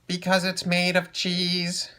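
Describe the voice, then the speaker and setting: A man voicing a tiny robot who plans to steal the moon, speaking slowly. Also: sits high, completely flat delivery, sharp tone, clean tone, voice pushed up, heavily acted. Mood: matter-of-fact. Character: tiny robot thief, calm and slow.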